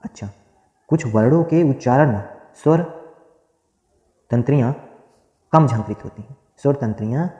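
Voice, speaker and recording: A man teaching a grammar lesson, dictating notes slowly, repeating phrases and asking questions that he answers himself. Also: mid-range voice, mellow, lo-fi sound. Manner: repetitive, asks and answers his own questions. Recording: echoey room with long reverb.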